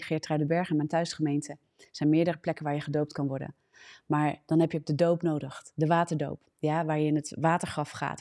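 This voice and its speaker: Dutch woman pastor praying live, low mellow voice, earnest, speeds up n slows down. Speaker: pastor leading live prayer. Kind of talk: prayer and preaching on a live stream.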